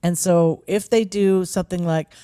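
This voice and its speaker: Female vocal coach, lower voice, earnest and chatty, dry close sound. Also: fairly even intonation, moderate pace, warm tone, smooth, no echo. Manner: earnest, thinks aloud with many likes. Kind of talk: casual conversation.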